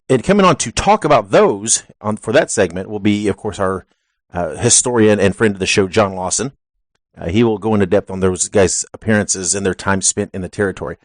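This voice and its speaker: A man's voice: lowish voice, dry recording. A man hosting a wrestling podcast, reading show announcements and promos in a rambling way that corrects itself as it goes, speaking into a headset. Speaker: podcast host.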